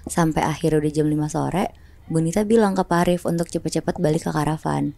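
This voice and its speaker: A woman's voice: low-pitched, fast, gravelly, mellow, dry recording. A woman casually telling a horror story on a podcast, chatty and slangy, acting out sounds.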